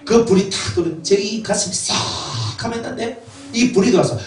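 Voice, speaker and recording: A man's voice: high-pitched, moderate pace, a little hiss or hum. A middle-aged male pastor gives an emotional sermon, telling his own life story and acting out family quotes. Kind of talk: sermon with personal testimony. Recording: roomy, distant church mic with faint ambience.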